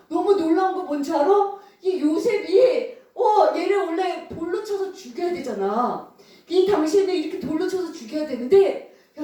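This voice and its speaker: Scornful village gossips trade mocking rumors in hushed, wagging tones, as a woman acts them out. The voice is high and swings widely, heard from far off in a strongly echoing hall.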